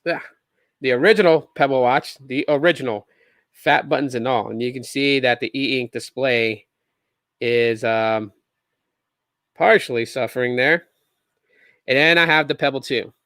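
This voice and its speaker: Bright, rambling tech podcast guy. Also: medium pitch, measured pace, pauses often, no echo. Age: 30s. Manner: rambling, animated, sarcastic asides with many restarts. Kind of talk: casual solo tech chat.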